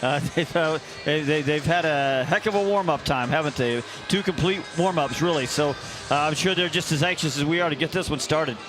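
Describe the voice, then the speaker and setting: A man giving color commentary on a soccer radio broadcast, talking in a folksy, unhurried way with plenty of hesitations. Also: on the high side, music in the background. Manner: folksy, unhurried, frequent "uh" fillers. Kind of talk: radio sports analysis. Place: stadium broadcast booth.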